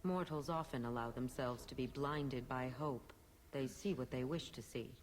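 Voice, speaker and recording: An imperious demon cat from a fantasy video game. The voice is low, silky and formal, with a menacing, possessive edge. There is faint noise behind it. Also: female voice, moderate pace. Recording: faintly noisy game audio capture.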